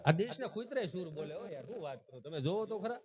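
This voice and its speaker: High-voiced Kathiawadi folk comedian. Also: male voice, sing-song, quick pace, a little mellow. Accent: Kathiawadi Gujarati. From Saurashtra, Gujarat. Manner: folksy, teasing, addresses audience as bapu. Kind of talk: live stage folk comedy.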